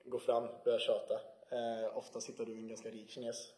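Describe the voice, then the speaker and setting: A man's voice: medium pitch, echoey room, rough recording. A man chatting casually as a podcast co-host, laughing often as he tells stories. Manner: laughs often, relaxed storytelling. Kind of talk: casual chat.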